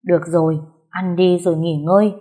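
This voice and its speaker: A woman reading older country mother, soothing and motherly, gently scolding, low mellow voice. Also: steady tone, brisk, natural voice.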